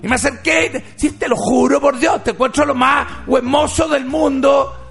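A man mimicking a tipsy, gushing woman fan in a high, shrill voice, music behind. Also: fairly even intonation, normal speed, gravelly, fairly bright tone, heavily acted.

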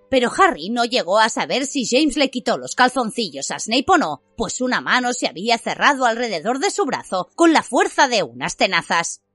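Expressive woman reading a storybook. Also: fairly high pitch, no room sound. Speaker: audiobook narrator. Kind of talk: scripted fiction narration.

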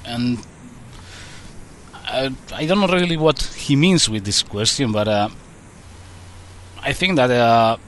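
A man from the Basque Country with a Basque accent, conducting a casual interview in a halting, informal way, searching for words. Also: medium pitch, fairly bright tone, a little hiss or hum. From Basque Country, Spain.

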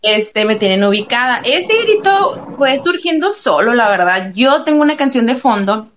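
A woman's voice: on the high side, animated, normal speed, slight background noise. A woman radio announcer with a Sonoran Mexican accent, chatting casually and explaining her craft with plenty of fillers. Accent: Sonoran Mexican Spanish. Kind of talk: casual interview chat.

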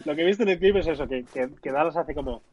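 Brief: man, laid-back co-host, slightly high, dull dry audio. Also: very fast, noisy background. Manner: relaxed, repeats himself, teasing. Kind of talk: casual chat.

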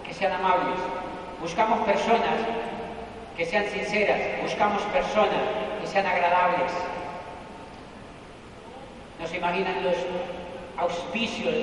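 A man giving a live motivational business talk with lots of energy, repeating phrases for emphasis and at times shouting them out. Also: high-pitched, slight background noise. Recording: echoey hall, mic far off.

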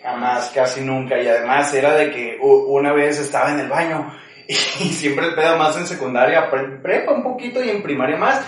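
A man's voice: mid-range voice, moderate pace, fairly bright tone. Man, Mexican accent, jokey casual chat, distant mic. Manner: joking, laughs between remarks. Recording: very echoey room, away from mic.

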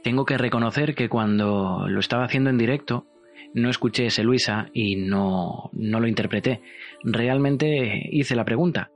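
A man hosting a paranormal show, telling it in an earnest, confessional way and slowing down to stress points. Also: mid-range voice, faint music behind. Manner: earnest, insistent, slows for emphasis. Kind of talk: confessional radio-style narration.

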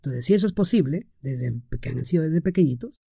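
A man's voice: a little high, animated, fast talker, creaky, warm tone, husky, dry recording, studio quality. A middle-aged man hosting a podcast, talking in a casual, conversational monologue with frequent fillers and tag questions. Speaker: podcast host.

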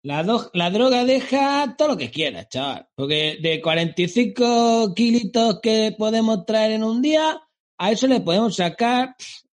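A man voicing a boastful, crude and menacing middle-aged Galician drug lord with a put-on Galician Spanish accent, in an improvised podcast comedy sketch. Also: sits high. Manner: swaggering, crude, threatening.

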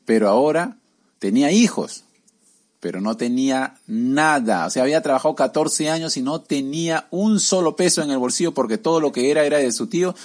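A man's voice: fairly high pitch, lively intonation, fairly quick, darkish tone. Conversational man preaching a Bible story. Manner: conversational, peppered with tag questions, acts out quoted voices. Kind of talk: casual sermon retelling a Bible story.

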